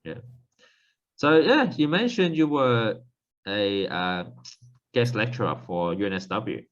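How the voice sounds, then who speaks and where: Very deep-voiced host from Hong Kong. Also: male voice, lively intonation, lo-fi sound. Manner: brief backchannels, halting questions. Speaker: podcast host. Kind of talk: casual conversational interview.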